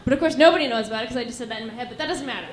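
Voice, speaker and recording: A woman's voice: fairly high pitch, very fast, echoey room. A woman in her twenties from Reno and Las Vegas, performing stand-up comedy with brash storytelling and acted-out asides. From Reno and Las Vegas, USA.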